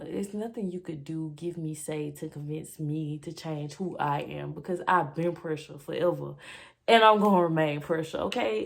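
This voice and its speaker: A woman's voice: low-pitched, vocal fry. Candid young woman vlogging confessionally. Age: young adult. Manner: candid and rambling, with many fillers; casual and direct to viewers. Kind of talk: confessional personal vlog.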